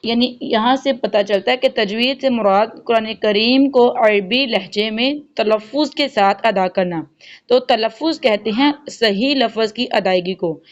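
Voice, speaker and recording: A woman with a slightly high voice leads a recitation lesson, explaining each rule patiently. She slowly stretches out the recited words as examples. The recording sounds dull and lo-fi. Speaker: Quran recitation teacher.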